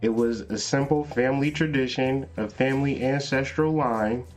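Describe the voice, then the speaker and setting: A man's voice: medium pitch, moderate pace, darkish tone, soft background music. A man hosting a casual, lecture-style monologue, explaining in a slangy, conversational way with rhetorical questions. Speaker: host.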